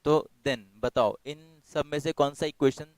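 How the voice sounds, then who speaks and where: Hoarse teacher with a clear, dry voice. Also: male voice, a little high, steady tone, dry recording, low-quality recording. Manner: reads questions slowly, explains quickly in mixed Hindi and English. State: sore throat, clearing it often. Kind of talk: online multiple-choice class. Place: home.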